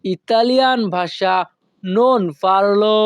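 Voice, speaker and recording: Woman teacher going through phrases really slow, smooth clear voice, dry close mic sound. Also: medium pitch, no echo. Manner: slow, careful, repeats each phrase several times. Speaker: language teacher. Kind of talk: scripted language lesson.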